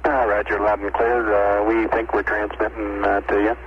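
A man's voice: on the low side, level tone, normal speed. A man, an astronaut, giving clipped, matter-of-fact replies over a crackly radio transmission from space that keeps breaking up. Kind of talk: terse radio communications. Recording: noisy, muffled lo-fi radio link.

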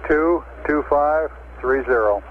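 A man's voice: a little high, slow. A man at mission control reading terse, businesslike callouts over a crackly, narrow radio link. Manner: clipped, businesslike readouts. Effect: crackly, narrow space-to-ground radio link. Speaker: mission control capsule communicator. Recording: thin, tinny archival radio transmission.

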